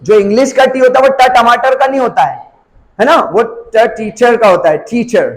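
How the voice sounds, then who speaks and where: High-voiced man drilling vowel sounds. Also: low-quality recording. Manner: slow, drawn-out repetition of each sound; calls out example words loudly. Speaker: English pronunciation teacher. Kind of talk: spoken English lesson.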